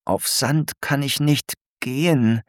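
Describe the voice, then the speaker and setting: A man's voice: mid-range voice, slow, dry recording, clean studio sound, voice pushed up, lightly acted. A man voicing a small, curious and proud female snail in a storybook, full of questions and easily amazed. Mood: puzzled. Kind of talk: storybook character voice.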